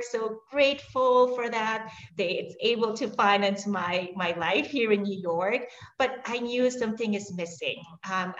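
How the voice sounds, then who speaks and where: A woman's voice: mid-range voice, fairly bright tone. A woman from Switzerland with Swiss German as her first language, talking as a guest about her career in an open, reflective way. The sound is roomy and somewhat dull, as from a remote recording. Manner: open and reflective, laughs often, many fillers. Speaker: guest, high-performance coach. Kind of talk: conversational interview.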